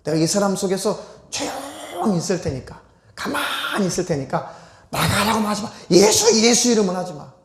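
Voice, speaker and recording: A man's voice: sits high, expressive, normal speed. A man putting on a taunting, sneering demon. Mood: pleading. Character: taunting mocking demon, later begging. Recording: echoey church room.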